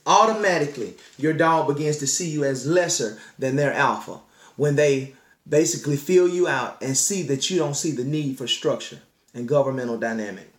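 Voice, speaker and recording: A man's voice: on the high side, moderate pace. A man hosting a dog-training podcast, speaking earnestly like a preacher and repeating key phrases for emphasis. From Alabama. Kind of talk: podcast monologue, partly read from notes. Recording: echoey room.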